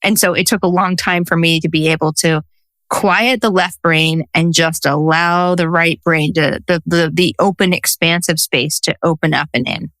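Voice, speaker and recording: Lower-voiced woman in her forties, animated. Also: moderate pace, dry recording. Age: 40s. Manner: animated storyteller who acts out quotes. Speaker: guest, social worker and intuitive coach. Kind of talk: casual interview conversation.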